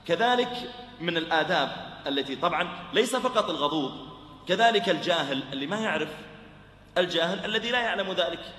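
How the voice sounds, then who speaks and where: A quick-talking man preaches with anecdotes, animated and acting out both sides of each exchange. His voice is bright and forceful, sitting a little high. It booms around an echoey hall with a long reverb and faint background hum. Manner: animated, acts out dialogue, drops to soft voice for gentle quotes. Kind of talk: religious lecture with storytelling.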